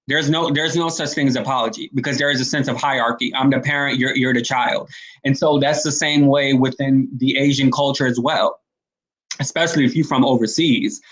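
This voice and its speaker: A man's voice: mid-range voice, fairly bright tone, low-quality recording. A man hosting a casual commentary stream, talking bluntly to his viewers and rambling between points. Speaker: commentary host.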